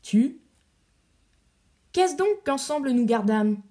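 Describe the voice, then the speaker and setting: A woman reading the part of a proud, sharp-tongued male swordsman poet in an audiobook of a verse play, answering in short, clipped replies. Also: sits high, lively intonation, slow, pitched above the performer's own voice. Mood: curt.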